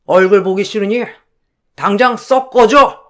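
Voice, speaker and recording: A man's voice: high voice, a little slow. An actor playing a stern elderly father-in-law in a radio drama, roaring and scolding. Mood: furious. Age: older.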